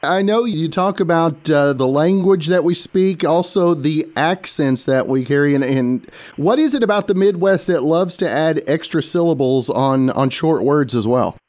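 A man's voice: on the high side, normal speed, hardly any pauses, darkish tone. A male radio host reading scripted intros, then asking chatty interview questions and often repeating words as he goes.

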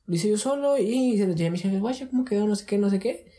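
A man's voice: high-pitched, expressive, fast, mellow. A man with a Mexican accent casually telling a story from his childhood in slangy, rambling chat, dropping fillers into every phrase.

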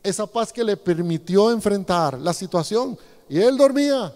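A man's voice: sits high, animated, moderate pace, darkish tone. A man preaching a sermon, speaking directly to his congregation and asking them rhetorical questions. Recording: long hall reverb.

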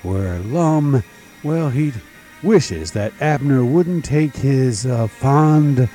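An older man hosting a show, reminiscing casually in a folksy, halting, rambling way. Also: mid-range voice, lively intonation, warm tone, soft background music. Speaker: old-time radio show host.

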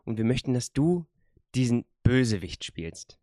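A man's voice: medium pitch, big pitch swings, measured pace, dark tone, no room sound. Enthusiastic male podcast host, dry sound. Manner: enthusiastic, colloquial. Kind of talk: casual podcast chat.

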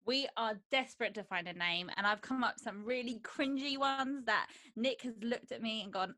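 A woman's voice: fairly high pitch, normal speed, pushed and bright, no room sound. A woman from south London with a south London accent, chatting casually and self-deprecatingly as a podcast co-host. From Croydon, south London.

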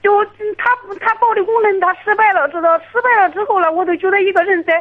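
High, fast, halting woman on a tinny phone line. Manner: halting, hesitant, restarts often. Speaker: caller. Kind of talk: phone-in to an advice show.

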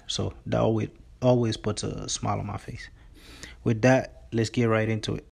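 Earnest male podcast host, low voice with vocal fry, explainer tone. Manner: earnest, explanatory, repeats words when restarting. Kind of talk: solo finance podcast.

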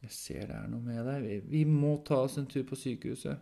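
A man voicing a caring, worried woman in an audiobook story, gentle and soothing. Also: mid-range voice, gravelly, pitched above the performer's own voice, close to an everyday voice. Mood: concerned. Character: caring, worried woman looking after him.

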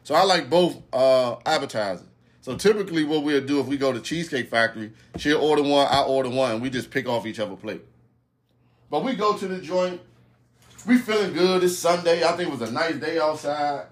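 A man's voice: a little high, fairly quick. A man hosting a podcast, telling a story in casual, profane slang and often asking "you know what I'm saying". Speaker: podcast host.

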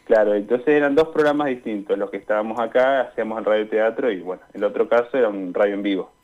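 A young Argentine man with a lowish voice calls in to a radio show as a guest, answering interview questions quickly but casually and hesitantly as he searches for words. The call audio is dull and lo-fi.

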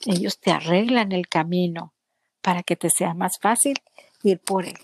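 Woman with a gravelly voice. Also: fairly low pitch, measured pace, dry recording. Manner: animated, acts out other people's words in quotes; earnest, speaks of faith and angels. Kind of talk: personal storytelling in conversation.

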